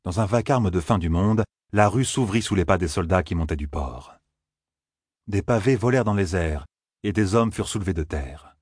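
A male audiobook narrator with a deep, husky voice reads scripted narration in a steady, measured storytelling style. The sound is studio quality with no echo.

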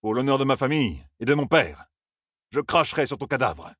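A man voicing a bitter, vengeful male knight officer with a hoarse voice. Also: medium pitch, very animated, fairly quick, fairly bright tone, no echo, studio quality, voice pushed up. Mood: grim.

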